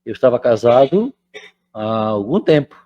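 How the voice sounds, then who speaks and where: An older man with a mid-range, animated voice gives a conversational spiritual lecture at normal speed, his tone warm. He's chatty and keeps checking in with his listeners, and the recording has a lo-fi quality.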